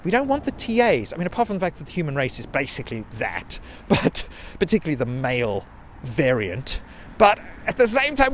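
This high-voiced middle-aged man from South Africa has a South African accent and is making a video message on a handheld recorder. There's a faint hiss or hum as he rambles casually, swearing and mocking himself.

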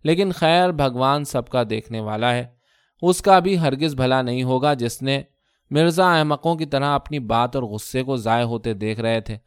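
A man reads a story aloud in a steady, measured way. His voice is smooth and resonant. The sound is dry and close. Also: mid-range voice, dry recording. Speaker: narrator. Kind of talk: scripted story narration.

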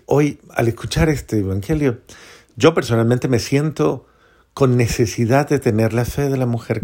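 This is a priest delivering a homily in a medium-pitched male voice. He speaks earnestly, repeats phrases for emphasis and drops into soft, prayerful tones.

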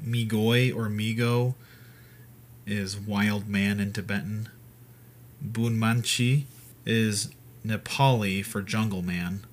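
A man's voice: on the low side, steady tone, slow pace, long pauses. A young man co-hosting a casual podcast, joking around and reading facts aloud in a laid-back way. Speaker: podcast co-host. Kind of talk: casual chat.

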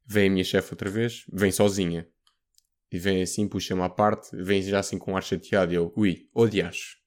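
Man telling an animated story. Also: low voice, normal speed. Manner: animated storyteller, acts out voices of people in his story, many fillers. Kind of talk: casual storytelling chat.

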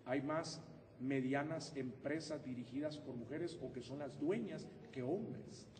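A man preaching a sermon as pastor in a church, animated and humorous. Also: medium pitch, unhurried, far from the mic, slight background noise. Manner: animated and humorous, acting out husband-wife exchanges. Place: church sanctuary. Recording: echoey hall, preacher away from the mic.

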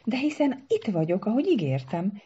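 A woman's voice: lowish voice, very animated, warm tone, slightly rough, pitched above the performer's own voice. Woman doing a timid young bird groom. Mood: pleading. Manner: hesitant, stammering, eager to please. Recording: dull lo-fi sound.

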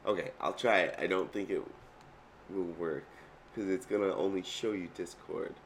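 A man's voice: low-pitched, normal speed, a little hiss or hum. A man co-hosting a podcast over a call, casual and flustered while sharing his screen. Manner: flustered, swears and laughs while fiddling with screen share. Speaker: podcast co-host. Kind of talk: casual chat.

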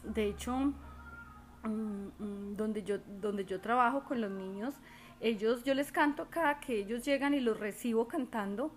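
A woman chatting casually, expressive and animated as she tells stories, softer and musing when she reflects. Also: fairly high pitch, a little slow. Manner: expressive, animated storytelling with put-on quoted voices. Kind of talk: casual chat.

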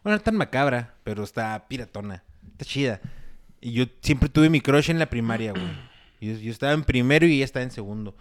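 A young man with a Mexican accent telling a story in casual podcast chat, full of slang and halting restarts. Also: mid-range voice, expressive. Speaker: podcast co-host.

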